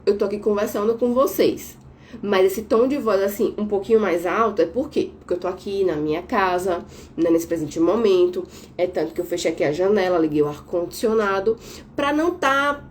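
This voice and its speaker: A woman therapist from Brazil giving a live talk from home, speaking a bit louder on purpose and checking in with listeners. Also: mid-range voice, normal speed, a little hiss or hum. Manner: speaking a little louder on purpose, didactic, tag questions. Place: at home, window shut, air conditioning on.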